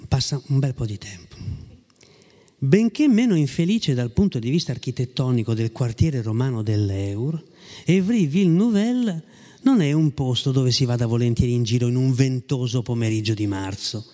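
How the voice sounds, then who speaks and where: Man reading a story aloud, ironic, mellow voice, lots of hall reverb. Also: fairly high pitch.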